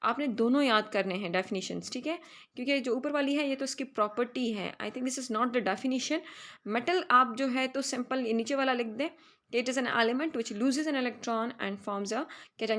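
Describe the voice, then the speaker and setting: Pakistani woman teaching chemistry, gravelly edge. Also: on the high side, a bit bright. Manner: explains in Hindi-Urdu, reads English definitions slowly, checks with "theek hai". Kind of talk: classroom revision lesson.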